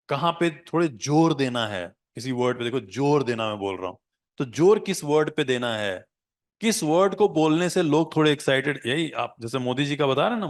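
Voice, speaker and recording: A man teaching a live class, mixing Hindi with English phrases and often checking in with the students. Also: medium pitch. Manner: coaching, asks "है ना?" to check in.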